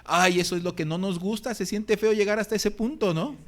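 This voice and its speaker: A man's voice: sits high, brisk. A middle-aged man preaching as pastor in a church, telling funny stories about himself and acting out his own groans. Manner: humorous, acts out his own groans and complaints. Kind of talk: sermon. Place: church hall.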